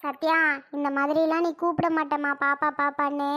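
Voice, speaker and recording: A woman voicing a gentle, caring middle-aged mother in a cartoon, coaxing and pleading. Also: high voice, flat delivery, a little fast. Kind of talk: cartoon voice acting.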